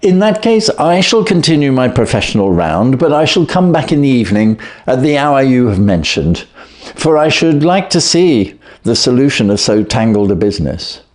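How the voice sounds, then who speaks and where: A man's voice: medium pitch, very animated, normal speed, lightly acted. A man reading the part of an earnest, inquisitive Victorian doctor, a detective's loyal companion, politely questioning in an audiobook. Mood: curious.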